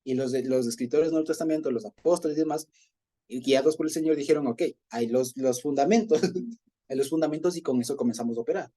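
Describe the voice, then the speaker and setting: Teaching a relaxed Bible study, a man with an Ecuadorian Spanish accent talks fast in a medium-pitched, dark, slightly rough voice. He keeps things conversational, laughing frequently and checking with his audience.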